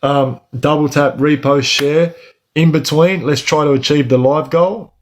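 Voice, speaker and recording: A man's voice: a little high, measured pace. An Australian man telling stories casually on a livestream as host, using Aussie eshay street slang like a local lad.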